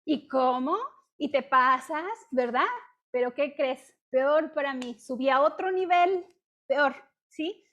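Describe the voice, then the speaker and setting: A high-pitched, middle-aged woman with a Mexican accent preaches to a women's group in a relaxed, conversational way. She keeps pulling her listeners in with quick questions as she talks, and she acts out her own past complaints as little bits of dialogue. She is heard over a video call. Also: lo-fi sound. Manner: chatty, peppers talk with rhetorical questions. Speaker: women's ministry speaker. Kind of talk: conversational testimony sermon.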